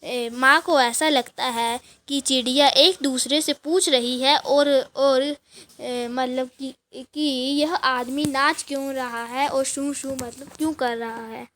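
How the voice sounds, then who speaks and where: Woman teacher, high voice, unhurried, reads a passage then unpacks it line by line, many restarts. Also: fairly even intonation, fairly bright tone, slight background noise. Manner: reads a passage aloud, then explains each line in simple words; frequent restarts and filler sounds. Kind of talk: explaining a textbook lesson.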